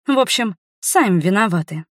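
A woman narrating a fantasy novel in the first person, with lively, ironic storytelling. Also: mid-range voice, moderate pace, no echo, clean studio sound. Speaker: audiobook narrator.

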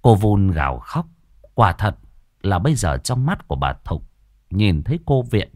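A man's voice: lowish voice, very animated, measured pace, darkish tone, no echo, clean studio sound. A man narrating a village horror story in a dramatic, ominous way.

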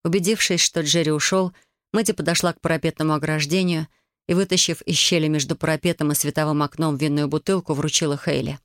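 An audiobook narrator reading a tense scene in measured, even storytelling. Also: mid-range voice, dry recording, clean studio sound. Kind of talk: scripted narration.

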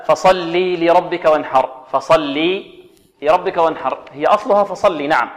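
A man teaching Quran recitation rules, drilling letters slowly and asking rhetorical questions. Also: on the high side, fairly bright tone, long reverb tail. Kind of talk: tajweed lesson with call-and-repeat drills.

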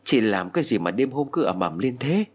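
A man voicing a sharp-tongued old village grandmother who scolds gruffly, within a told horror story. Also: lowish voice, sing-song, a little fast. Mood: scolding.

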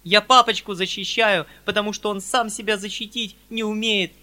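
A man voicing a fiery, outspoken young girl who shouts in defence of her father. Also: high voice, fairly even intonation, normal speed. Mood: defiant. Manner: shouting, indignant, tearful pleading.

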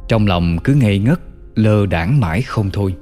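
A man narrating an old folk tale in a calm, measured way. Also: fairly low pitch, big-room sound, soft background music. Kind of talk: storytelling narration.

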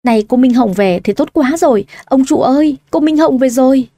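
A woman voicing an excitable older female housekeeper who gushes. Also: mid-range voice, very fast, creaky, no room sound. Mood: overjoyed. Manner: excited and gushing.

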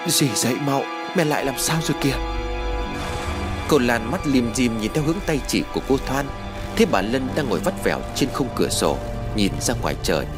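A man narrating a ghost story from a script in an expressive, dramatic way. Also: medium pitch. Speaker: audiobook narrator. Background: background music.

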